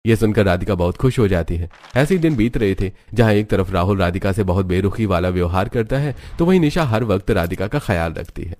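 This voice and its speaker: Low-voiced man narrating a story. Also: a little fast, few pauses, no echo. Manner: steady storytelling.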